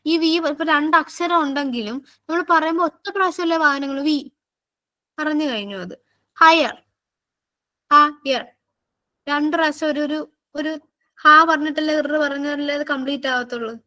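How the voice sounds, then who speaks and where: Woman, high voice, Malayali accent, exam-prep teacher, patient, repeats words, asks questions. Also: bright, forceful tone. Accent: Malayali English. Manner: explains slowly, repeating words and asking students questions. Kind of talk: online exam-prep lesson.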